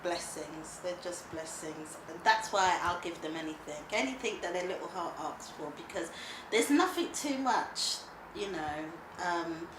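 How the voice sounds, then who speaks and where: Mum, lowish voice, emotional and laughy, echoey noisy room. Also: female voice, lively intonation, unhurried, few pauses. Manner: warm, emotional, laughs easily. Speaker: interviewee, mother and grandmother. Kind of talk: casual documentary interview. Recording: echoey room with background noise.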